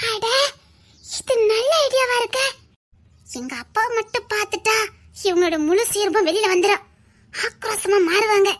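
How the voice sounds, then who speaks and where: A woman's voice: extremely high pitch, fairly bright tone, full character voice. A woman playing a sulky, headstrong young woman with a Tirunelveli accent who pleads against an arranged marriage in a one-voice audio drama. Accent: Tirunelveli Tamil. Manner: pleading, whiny, then scheming.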